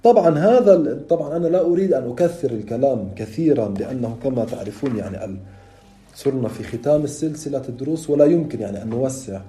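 Man lecturing in a dark, echoey voice. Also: medium pitch, expressive. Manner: repeats points and pauses on drawn-out fillers. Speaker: teacher of theology. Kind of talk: explanatory lecture on a classical text.

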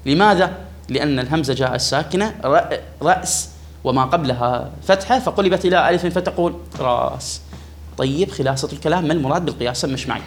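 A man's voice: on the high side, rapid-fire, a little hiss or hum. A man teaching a grammar lesson to a class, repeating key words and putting questions to his students. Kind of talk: classroom lesson explaining a text.

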